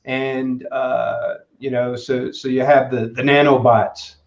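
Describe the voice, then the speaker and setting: A man answering interview questions as a materials expert, halting and full of fillers. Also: mid-range voice, flat delivery, vocal fry. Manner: halting, many "uh" and "you know" fillers. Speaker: guest expert in materials engineering. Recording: roomy, dull lo-fi sound.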